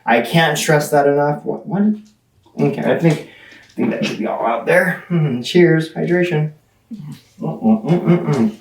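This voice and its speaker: Low-voiced woman, playful kids party magician. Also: moderate pace, slight background noise. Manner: playful, teasing, coaxing children with questions. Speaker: children's magician. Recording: roomy, echoing sound.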